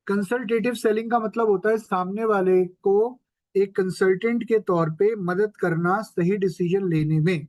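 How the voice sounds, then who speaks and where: High-voiced man teaching a sales session. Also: dry recording. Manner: explains step by step and checks in with the audience; mixes English terms into Hindi. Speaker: sales trainer. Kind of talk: training lecture.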